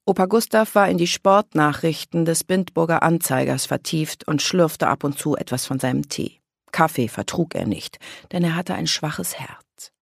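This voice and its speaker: A woman narrating a children's audiobook in a lively storytelling manner. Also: low voice, moderate pace, vocal fry, no echo, clean studio sound. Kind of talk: scripted narration.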